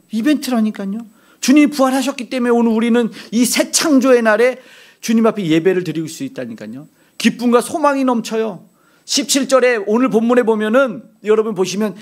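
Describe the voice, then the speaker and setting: A Korean man preaches a Sunday sermon in a high, lively voice that swings widely in pitch. He presses his listeners with rhetorical questions and builds his points through repetition, climbing toward near-shouts. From South Korea. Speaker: pastor. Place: church sanctuary.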